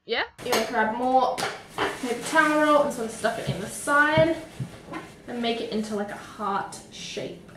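A woman's voice: fairly high pitch, moderate pace, background noise. A young woman in her late teens giving a rambling, casual DIY tutorial at home, swearing offhandedly. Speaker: vlogger. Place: home, at a table. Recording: roomy echo, voice distant from mic.

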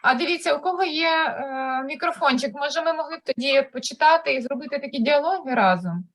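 A woman's voice: high-pitched, fast, slight background noise. A woman moderating an online language class, politely prompting participants to join in. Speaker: lesson moderator. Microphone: video call.

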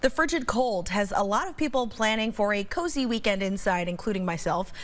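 A woman anchoring a late news broadcast from a studio, with a smooth, scripted delivery. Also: medium pitch, lively intonation, a little fast.

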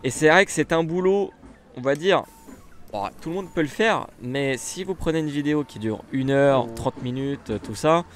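A man's voice: on the high side, moderate pace, a little hiss or hum. A man with a French accent casually commenting while he plays a bus simulator, chatty and rambling with lots of fillers and restarts. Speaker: gaming YouTuber.

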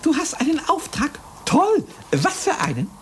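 A woman playing a jittery little male hare from a puppet show, his squeaky voice leaping up and down in a shrill register. He wails and begs, always sure that danger is close. The clean hiss of an old studio recording sits behind him. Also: huge pitch swings, unhurried, heavily acted. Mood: timid. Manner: panicky, wailing pleas. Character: timid cowardly male hare. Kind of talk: puppet play voice acting.

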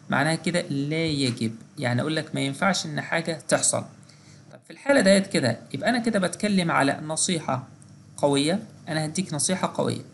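An English teacher with an Egyptian Arabic accent gives an exam-prep grammar lesson, explaining step by step and posing and answering his own questions. His voice is a little high and creaky, with a slight hiss or hum in the recording.

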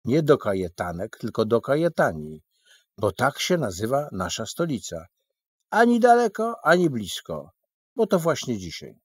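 A man's voice: mid-range voice, sing-song, moderate pace, breathy edge, dry recording, pitched above the performer's own voice. A man voicing a fussy little man from a storybook kingdom who calls out shrilly and emphatically. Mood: fussy, emphatic.

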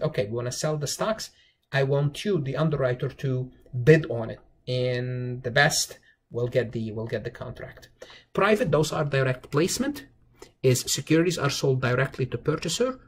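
A man's voice: mid-range voice, slight background noise. A man giving a recorded finance lecture over slides, explaining step by step and often restarting phrases with "okay".

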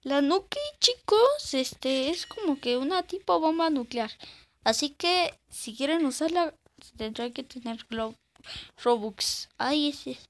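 A woman's voice: sits high, animated, takes it slowly. A woman gives casual, hesitant commentary while playing a game and sometimes squeals in panic. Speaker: gaming channel host.

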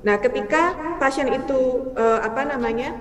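A woman's voice: high-pitched, moderate pace, crowd noise. Hesitant woman on a video call. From Indonesia. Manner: hesitant, frequent fillers, mixes in English terms. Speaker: guest physician. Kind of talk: conversational interview answers. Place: indoor room.

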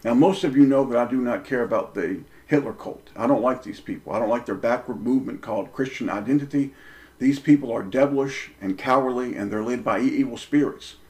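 A man's voice: medium pitch, a little fast, a little mellow. A man delivering a preaching monologue, emphatic, with rhetorical questions and punchy, repeated lines. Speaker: religious commentator.

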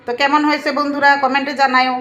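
A woman, narrating a casual home cooking vlog and chatting warmly with her viewers as friends. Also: sits high, little pitch movement, racing, lo-fi sound, slight background noise. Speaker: cooking vlogger.

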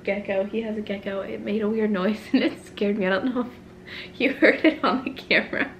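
A woman's voice: mid-range voice, a little hiss or hum. Chatty young woman vlogging at home. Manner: chatty, rambling, with fillers and self-corrections. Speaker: family vlogger. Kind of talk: casual vlog chat. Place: home bedroom, then kitchen.

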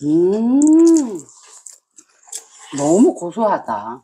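A woman's voice: medium pitch, wildly swooping pitch, normal speed, dark tone, a little hiss or hum. A woman chatting casually over a meal, her mouth full as she chews, murmuring about the food. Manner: savoring the food, murmuring and commenting. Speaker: mukbang vlogger eating with her husband.

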